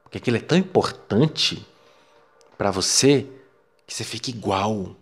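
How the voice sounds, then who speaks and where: A man with a Brazilian Portuguese accent teaching a self-help course lesson, talking in a lively, emphatic way. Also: on the low side, moderate pace, breathy edge, soft background music. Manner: lively, emphatic, mimics parents' voices. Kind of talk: lecture on beliefs.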